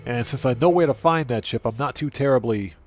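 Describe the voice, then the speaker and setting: A man hosts a casual gaming livestream, greeting chat, thinking aloud and repeating phrases as he talks with viewers. His mid-range voice is brisk, music plays in the background, and a little hiss or hum is audible.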